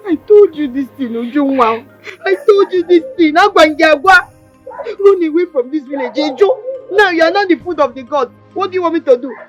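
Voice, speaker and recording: An excitable high-voiced friend. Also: female voice, normal speed. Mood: exclaiming. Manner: exclaiming, dramatic. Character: excitable young woman friend, dramatic and loud. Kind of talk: Nollywood film acting. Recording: dull film audio under music.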